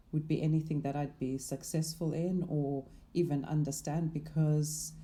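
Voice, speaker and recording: A middle-aged woman from Zimbabwe speaks as a guest in a casual interview. Her voice is low and very mellow and dark, and she talks thoughtfully, often saying "um" and "you know". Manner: thoughtful, laughs lightly, many "um" and "you know". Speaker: guest, investment manager.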